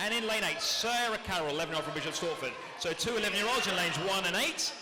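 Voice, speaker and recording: A man announcing a swimming meet over a PA system, reading lanes, names and times briskly and matter-of-factly, with race commentary. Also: high-pitched, animated. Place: indoor swimming pool hall. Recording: echoey PA sound in a large hall, with noise.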